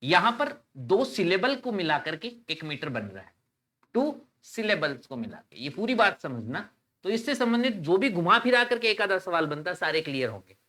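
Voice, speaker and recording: A man with an Indian accent teaching English poetry in an exam-prep lesson, explaining slowly and reading poem lines in a drawn-out way. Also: fairly high pitch, sharp tone. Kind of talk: exam-prep lecture in Hindi mixed with English.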